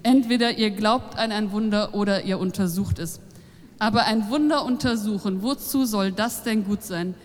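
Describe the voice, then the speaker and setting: A woman's voice: medium pitch, moderate pace, close to an everyday voice. A woman voicing an easygoing, grumbling, beer-drinking God in offhand colloquial speech, in a long hall reverb.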